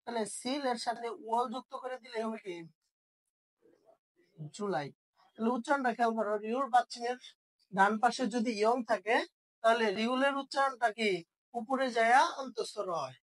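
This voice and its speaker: A woman's voice: a little high, fairly quick, long pauses, rough recording. A woman teaching an online language lesson, asking questions and answering them herself.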